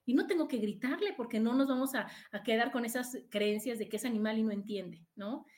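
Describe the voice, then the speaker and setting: Mexican lady podcast host, pretty high voice, casual advice chat, keeps going "¿no?". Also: a little fast, a little mellow. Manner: chatty, tags "¿no?" after points. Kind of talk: casual advice talk to live listeners.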